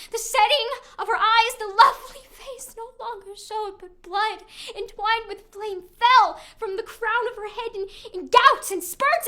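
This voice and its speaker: An anguished servant messenger from Greek tragedy, acted by a woman in a classical stage style. The voice is very high and bright, with theatrical delivery that shifts between hushed and forceful as horror is recounted. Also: heavily acted. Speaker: actor performing an audition-style monologue. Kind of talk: classical stage acting, dramatic tragic monologue.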